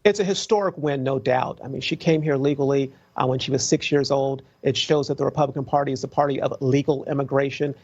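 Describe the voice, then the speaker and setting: A man's voice: mid-range voice, fairly even intonation, fast talker, hardly any pauses, darkish tone, highs cut off. A man, a political commentator, making assertive talking points on a news show. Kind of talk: TV news punditry.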